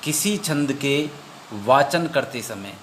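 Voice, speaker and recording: A man teaching an exam-prep lesson. He recites verses slowly and repeats each point as a question he then answers. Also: mid-range voice, lively intonation, a bit bright, a little hiss or hum.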